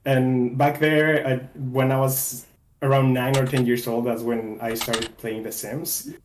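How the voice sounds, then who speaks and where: A man from Mexico, a game developer who talks enthusiastically and deliberately on a casual livestream. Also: medium pitch, fairly even intonation, a little hiss or hum. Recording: roomy echo.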